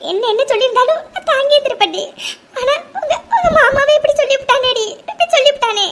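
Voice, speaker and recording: A woman's voice: lively intonation, normal speed, fairly bright tone, a little hiss or hum. A woman voicing a heartbroken, devoted young woman who talks through sobs in a pleading way. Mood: tearful, wounded. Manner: sobbing, pleading, high and thin. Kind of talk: cartoon voice acting.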